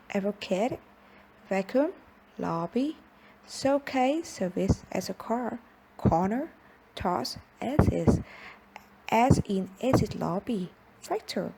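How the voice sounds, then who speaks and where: A young woman, a native Vietnamese speaker, giving a class presentation and reading out word lists slowly and carefully. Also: mid-range voice, creaky, darkish tone, slight background noise. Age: young adult. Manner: slow, careful reading with pauses between listed words. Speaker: student presenter.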